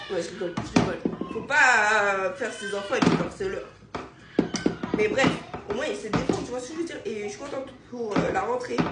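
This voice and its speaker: A woman's voice: a little high, very noisy. A young woman from Guadeloupe, a mother animatedly telling a friend a story over a phone video call, laughing often and checking "you see?". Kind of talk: casual storytelling chat. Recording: roomy echo in a home room.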